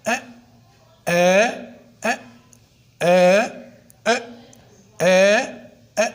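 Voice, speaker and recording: A man whose first language is Urdu, teaching English vowel sounds in a phonics lesson and repeating each sound slowly and patiently. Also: high-pitched.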